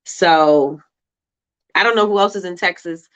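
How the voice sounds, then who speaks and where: Hosting a laid-back livestream chat, this Brooklyn, New York woman speaks with a local accent and slangy informality as she reads and responds to comments. Her voice sits fairly low, clear and resonant, and she takes her time. Sound quality is lo-fi and dull, typical of a livestream.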